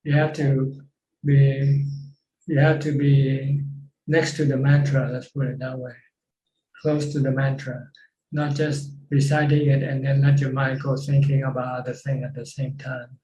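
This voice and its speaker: Flat-voiced monk on a video call. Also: male voice, mid-range voice, measured pace. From Thailand. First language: Thai. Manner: plain, repeats phrases while explaining. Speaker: Buddhist monk teacher. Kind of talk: dharma Q&A talk. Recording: roomy, dull video call audio.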